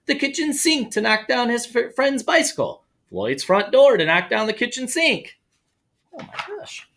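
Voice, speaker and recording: A male elementary school teacher with a high, gravelly voice reads a picture book to children. He's expressive and playful, tossing in casual asides.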